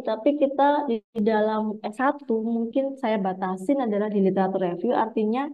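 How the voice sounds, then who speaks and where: A woman lecturer with a cold, stuffy and a little hoarse, walks students through her material at a patient pace with plenty of hesitant fillers. Her voice comes through a tinny, phone-like online call line. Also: on the high side. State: has a cold. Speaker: university lecturer. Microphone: video call.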